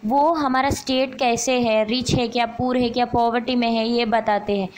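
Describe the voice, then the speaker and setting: A woman's voice: fairly high pitch, steady tone, moderate pace, rough recording. A woman, an English teacher explaining grammar exercises in Hindi and English. She reads the example sentences out word by word.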